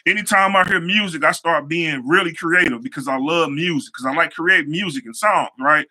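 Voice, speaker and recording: Young male host, high and piercingly bright tone, loose conversational storytelling with slang and repeated phrases. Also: normal speed. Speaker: show host, hair stylist. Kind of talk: casual motivational storytelling.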